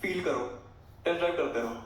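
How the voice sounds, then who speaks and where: A man's voice: a little high, fast talker. Man doing teasing stand-up, echoey and far. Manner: conversational, teasing the crowd. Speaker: stand-up comedian. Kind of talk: stand-up routine. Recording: echoey, distant and noisy stage recording.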